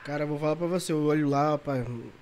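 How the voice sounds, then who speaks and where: A man hosting a podcast in casual chat, laid-back and lively, often acting out a fast stream of comments. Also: on the high side, slight background noise. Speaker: podcast host.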